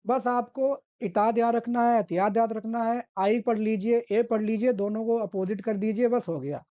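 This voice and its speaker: A woman's voice: on the high side, fairly even intonation, normal speed, mellow, dull audio. A woman giving an exam-prep literature lesson, patiently repeating key terms and asking questions as she explains. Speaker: English literature teacher.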